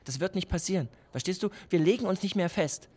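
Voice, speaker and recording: A man's voice: sits high, quick pace. A man playing a sardonic, lecturing cynic about love. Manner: sardonic, lecturing, swings from hushed to emphatic. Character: cynical man, calls himself a love professional. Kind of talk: radio play dialogue.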